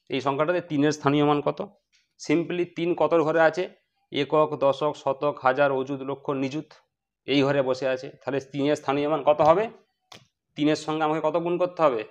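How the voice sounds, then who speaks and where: Male math tutor, slightly high voice, question-and-answer delivery, muffled lo-fi sound. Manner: asks the class questions then answers them himself. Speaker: math teacher. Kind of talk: explaining math to students.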